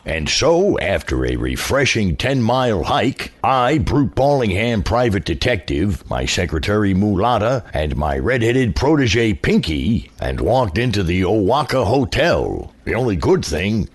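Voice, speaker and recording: A man's voice: lowish voice, sing-song, unhurried, hardly any pauses. Man playing dopey bellowing cartoon detective, heavy echo. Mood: wry narrating. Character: brutish, bumbling tough-guy male private detective. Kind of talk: comic old-time radio detective parody. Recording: echoey room, music behind.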